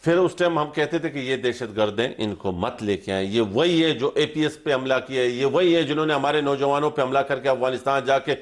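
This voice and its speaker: A man's voice: mid-range voice, hardly any pauses. Heated man debating. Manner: heated, repetitive, pleading. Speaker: guest, member of parliament. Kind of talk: televised political debate.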